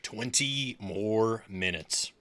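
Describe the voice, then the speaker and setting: Drawing out his words in a fairly low, slightly bright voice, a thirtysomething live-stream host chats casually and spins rambling stories, often using fillers and starting sentences over.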